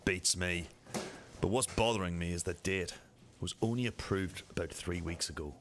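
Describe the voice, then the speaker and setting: Acting lightly, a man takes the role of a police detective in an amateur radio drama, his low voice asking questions in a measured, formal, matter-of-fact way. The mood is musing, with faint noise in the background.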